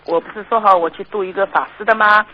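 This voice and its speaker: A woman calling in to a radio show, excitedly retelling a conversation in quoted lines. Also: medium pitch, quick pace. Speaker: caller. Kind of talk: radio call-in talk. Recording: lo-fi radio broadcast.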